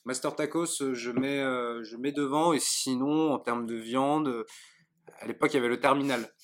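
A man's voice: mid-range voice, moderate pace. A man from Lyon in a casual chat, feeling his way through sentences and joking dryly. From Lyon, France.

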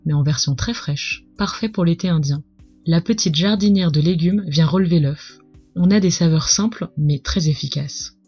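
A woman's voice: fairly low pitch, darkish tone, slightly rough. French woman storyteller, muffled, over music. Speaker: podcast host, culinary storyteller. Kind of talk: scripted storytelling narration.

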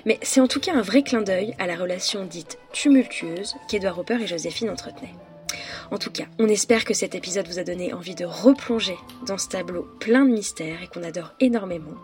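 A woman's voice: mid-range voice, brisk, darkish tone, soft background music. A woman podcast host explaining things in a casual, chatty way, full of playful asides to her listeners.

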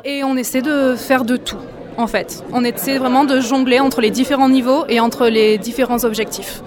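A woman's voice: sits high, steady tone, normal speed, crowd noise. A woman who teaches French, speaking reflectively in an interview.

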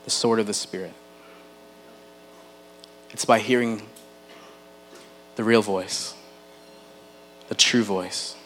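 A man preaching a sermon as pastor, earnest, slowing down to stress key words and putting questions straight to the congregation. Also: on the low side, steady tone, fairly bright tone, faint music behind. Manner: addresses the congregation directly with questions.

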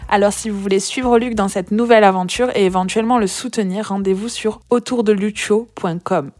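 A woman's voice: medium pitch, fairly even intonation, fairly quick, darkish tone, faint music behind. A French woman with a singsong southern accent, hosting a podcast, reading a scripted intro and then asking interview questions. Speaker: podcast host.

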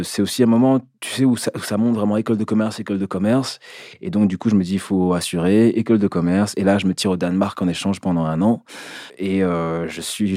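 A man, an actor interviewed as a guest, recounting his path in a reflective way, pausing often to find his words. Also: sits low, a little mellow, no echo, clean studio sound. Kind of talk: personal storytelling in an interview.

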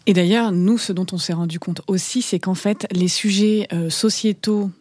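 Playful woman host with a mellow voice. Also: mid-range voice, fairly even intonation, normal speed, dry recording, clean studio sound. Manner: playful, teasing, easygoing. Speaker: podcast host. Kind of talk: casual conversational interview.

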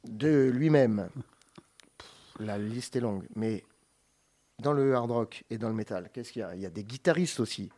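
A man co-hosting a radio music show, reading long lists of names with joking asides and quick self-corrections. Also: mid-range voice, dark tone. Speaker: radio co-host presenting a music segment. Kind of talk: casual radio chat.

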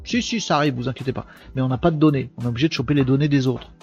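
A man's voice: medium pitch, racing, a little mellow, muffled recording, faint music behind. A man from France hosting a daily live webinar, chatting casually, joking and rambling as he reads viewers' comments aloud. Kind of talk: casual live-stream chat.

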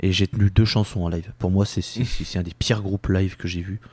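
Male podcast co-host, candid and blunt, low voice, dry room. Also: fairly even intonation, brisk, darkish tone, breathy edge, no echo. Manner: blunt, candid, stumbling repeats. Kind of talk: casual podcast chat.

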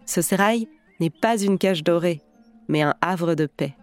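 Over background music, a podcast host and actress tells a scripted story theatrically, speaking a little slowly. Her voice sits on the low side, and the recording has no echo.

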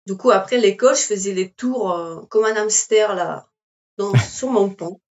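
A Slovenian woman in her forties with a Slovenian accent, chatting in a halting way with many fillers as an interview guest. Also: medium pitch, dull audio. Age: 40s. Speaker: guest, climber. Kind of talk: casual interview chat.

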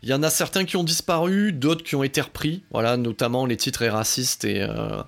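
Excitable man swearing through a review. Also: medium pitch, fairly quick, gravelly. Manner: excitable, swears often, many fillers and restarts. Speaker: podcast host reviewing an album. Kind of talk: casual spoken review.

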